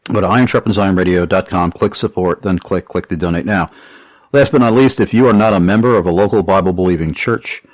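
Earnest guy hosting a talk radio show, kinda low voice, dry. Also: fast, dry recording, muffled recording. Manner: earnest, emphatic, repeats key details. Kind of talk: talk radio host, appeals and questions.

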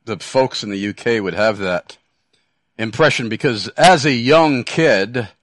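A man hosting a radio show, relaxed, chuckling often and using hesitant fillers. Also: mid-range voice, measured pace, no room sound.

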